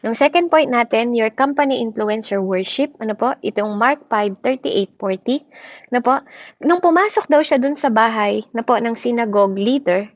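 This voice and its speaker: A woman preaching a sermon in mixed Tagalog and English, animated, often checking in with "di ba?" with her listeners. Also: fairly high pitch, moderate pace, dry recording. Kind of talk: Taglish sermon. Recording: muffled lo-fi sound.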